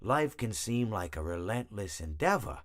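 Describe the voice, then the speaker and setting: A long-winded animatronic hippo from a video game, genial and darkly blasé. His slightly deep voice rises and falls freely as he meanders through his storytelling. He hesitates and corrects himself, always in a rambling monologue. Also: big pitch swings, moderate pace. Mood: reflective, rambling.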